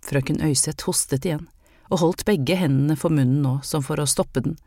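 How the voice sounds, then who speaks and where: A storyteller reading an audiobook with calm, measured pacing. The voice sits at a middle pitch. The recording is close and dry, with no room echo. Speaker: narrator. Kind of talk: scripted audiobook narration.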